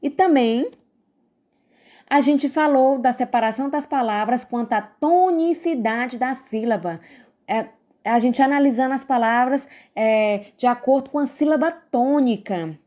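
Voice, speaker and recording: A woman's voice: sits high, unhurried, dark tone. A woman with a Brazilian Portuguese accent teaching a recorded grammar lesson, patiently stretching out words and asking the class questions.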